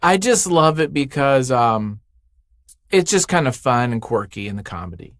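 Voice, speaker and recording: In a studio interview, a podcast writer chats casually and without a script, effusive, jokey and prone to rambling. His mid-range voice is expressive and moves at a normal speed, and the recording is dry.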